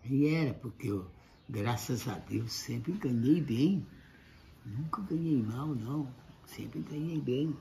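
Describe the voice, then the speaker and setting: A very old man in his eighties with a Brazilian accent, chatting casually in halting, repetitive, plain words as he recalls his life. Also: mid-range voice, dark tone. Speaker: grandfather sharing life lessons. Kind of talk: casual reminiscing chat. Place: indoor kitchen-like room, seated at a table. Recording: clearly noisy room ambience.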